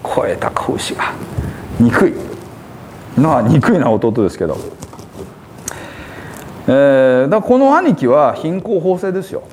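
A man's voice: medium pitch, big pitch swings, unhurried, long pauses, a little mellow, a little hiss or hum. A man preaching a sermon with a Hiroshima accent, retelling a parable and acting out the characters' lines. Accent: Hiroshima dialect.

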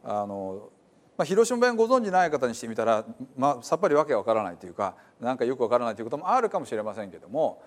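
Speaking fast and very animatedly in a mid-range voice, a male pastor uses his church sermon to explain Bible translation, keeping it conversational and explanatory with many fillers.

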